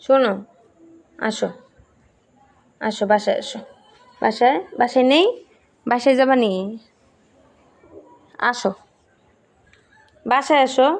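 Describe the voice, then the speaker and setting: A woman talks to her pet outdoors at night. She coaxes softly and pleads, repeating the same gentle calls over and over. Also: fairly high pitch, slow, gravelly, long pauses. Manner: soft, pleading, repeats herself. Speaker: pet owner. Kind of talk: coaxing talk to a pet.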